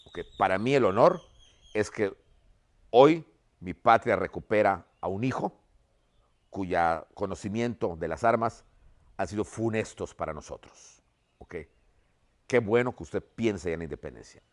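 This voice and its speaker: A man voicing a calm, shy male rebel leader who speaks humbly in a storytelling lesson. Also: lowish voice, measured pace, long pauses. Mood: humble. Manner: quiet, humble speech.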